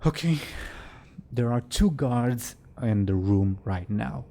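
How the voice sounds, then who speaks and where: A man narrating as game master of a tabletop game, in a relaxed, hesitant way with fillers. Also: mid-range voice, slow pace, vocal fry.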